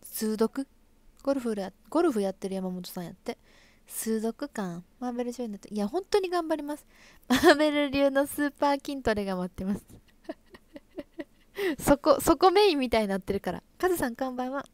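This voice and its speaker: A woman's voice: high-pitched, animated, a little fast, no echo. A young woman from Osaka speaking in Kansai dialect, casually chatting with viewers and reading their comments on a live stream. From Osaka, Japan. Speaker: livestream host and stage actress.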